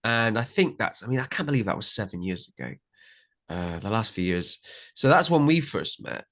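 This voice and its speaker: A man hosting a podcast in a relaxed, chatty way. His voice sits somewhat low, and he puts friendly questions to his guest. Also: moderate pace, creaky. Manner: chatty, interviewing. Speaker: podcast host. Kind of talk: casual conversation.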